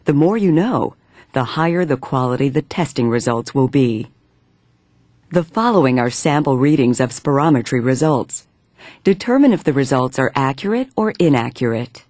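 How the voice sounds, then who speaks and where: A man's voice: medium pitch, lively intonation, a little mellow, no echo. Man narrating instructions in dry studio sound. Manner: measured, step-by-step.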